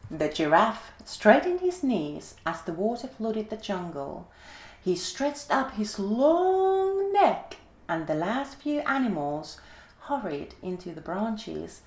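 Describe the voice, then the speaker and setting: A woman gently and expressively reading a children's story aloud in an echoey room. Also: medium pitch.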